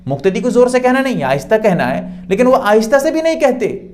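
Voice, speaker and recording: A man's voice: very high voice, sing-song, a little mellow, a little hiss or hum. A male Islamic scholar explaining prayer steps patiently, step by step, often asking and answering his own questions. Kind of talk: religious instruction.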